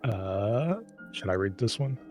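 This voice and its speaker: A man with a fairly low voice reads a book aloud on a live stream, breaking off often for dry, profane jokes. His reading is halting and wry, with quiet music playing faintly behind him. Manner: sarcastic, swears, stumbles and reads haltingly. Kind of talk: comic read-aloud with running commentary.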